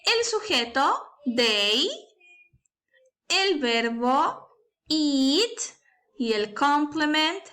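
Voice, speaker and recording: Her voice is high and sharp as she leads an online English class for primary schoolers. Working through each step patiently, she keeps confirming understanding with "¿cierto?" and "¿ya?".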